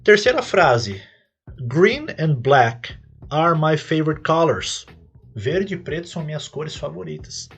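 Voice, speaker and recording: Husky-voiced Brazilian teacher explaining patiently. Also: male voice, on the high side, lively intonation, slow pace, fairly bright tone, soft background music. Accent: Brazilian Portuguese. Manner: patient step-by-step explaining, lifting his voice on each English example phrase. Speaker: English teacher and podcast host. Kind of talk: podcast lesson.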